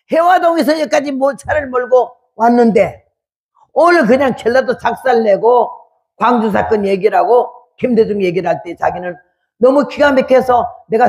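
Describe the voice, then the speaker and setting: Woman, 80s, missionary preacher. High, husky voice. Emphatic, repetitive sermon delivery. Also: a little mellow. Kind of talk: testimony sermon.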